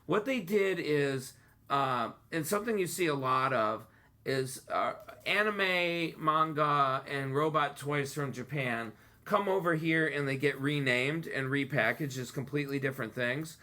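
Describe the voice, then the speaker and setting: A man's voice: a little high, a little slow, bright, forceful tone. A man in his thirties hosting a podcast, chatting casually and enthusiastically about childhood toys, rambling with fillers. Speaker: podcast host. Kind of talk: casual chat.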